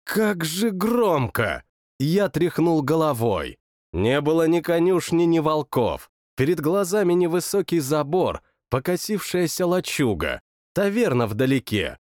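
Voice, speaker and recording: A man narrating a first-person fantasy audiobook in a dramatic, expressive way. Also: on the high side, measured pace, no echo, studio quality.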